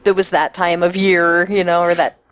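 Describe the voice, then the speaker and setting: A woman's voice: on the low side, little pitch movement, moderate pace. A woman guest telling stories in a casual podcast chat, candid and swearing, acting out quotes. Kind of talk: casual storytelling.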